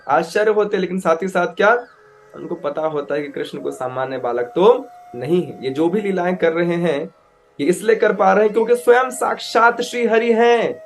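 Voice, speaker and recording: A man telling a devotional scripture story as a preacher, animated, acting out characters and mixing in English words. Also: high voice. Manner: animated storyteller, acts out voices with loud outbursts; mixes English words into Hindi.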